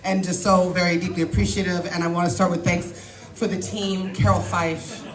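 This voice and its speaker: A woman's voice: on the low side, little pitch movement, normal speed, heavy background noise. Emphatic woman giving a rally speech. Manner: emphatic, off the cuff, laughs often. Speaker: political candidate. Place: large indoor event hall. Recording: echoey hall with crowd and music.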